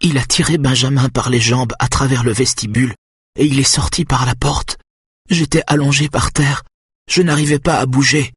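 A man's voice: medium pitch, lively intonation, moderate pace, fairly bright tone, slightly rough, no room sound, clean studio sound, pitched above the performer's own voice. A man voicing a distraught young mother who pleads weakly through tears in an audiobook. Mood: desperate. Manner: breathless, pleading and tearful.

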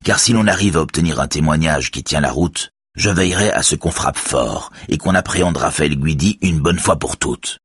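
A man plays a calm police chief in an audiobook, measured and unhurried in his orders. His voice is very deep and husky, recorded dry. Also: no room sound, full character voice.

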